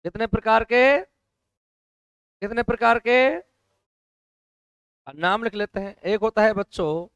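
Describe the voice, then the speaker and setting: Man, hoarse, classroom teacher, call-and-response questioning, dry close sound. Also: sits high, measured pace, pauses often, a bit bright, no echo, lo-fi sound. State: hoarse throat. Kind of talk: classroom lecture.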